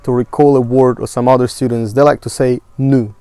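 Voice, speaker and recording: Mellow man asking questions. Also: medium pitch, little pitch movement, fast, clean tone, no room sound. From Ukraine. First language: Russian. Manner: inquisitive, asks follow-up questions. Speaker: host. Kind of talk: casual conversation.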